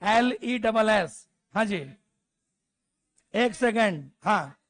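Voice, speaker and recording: A man's voice: high-pitched, lively intonation, very slow, a bit bright. A man teaching English grammar to a class, spelling letters out, calling out word lists and teasing students. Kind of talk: classroom lecture.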